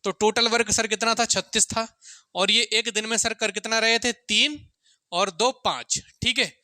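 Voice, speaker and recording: A maths teacher coaching students for exams gives an informal, classroom-style lesson in a high-pitched, steady, pushed and bright voice at normal speed. He asks questions and answers them himself, repeats key points, and often calls his listeners sir and friends. The recording is studio quality with no echo.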